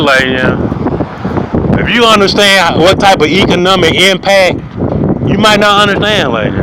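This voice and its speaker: A man ranting profanely outdoors, preaching loudly at times and dropping to a low mutter. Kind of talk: outdoor rant to camera. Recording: wind noise outdoors.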